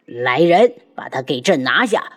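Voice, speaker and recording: A woman's voice: sits low, sing-song, measured pace, voice pushed down, heavily acted. A woman voicing a furious, domineering male emperor who barks commands in a storybook reading. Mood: angry. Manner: commanding, threatening.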